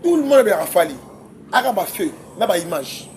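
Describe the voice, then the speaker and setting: A man, debating music as a guest commentator, excitable and quick to laugh, often repeating his words. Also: high voice, slight background noise. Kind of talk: heated casual debate.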